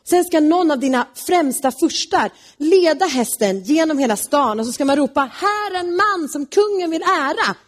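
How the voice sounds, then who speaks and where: A woman's voice: high voice, hardly any pauses, pitched above the performer's own voice, close to an everyday voice. A woman doing a gloating scheming court official. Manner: gloating, eager, exclaiming. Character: scheming boastful male royal official.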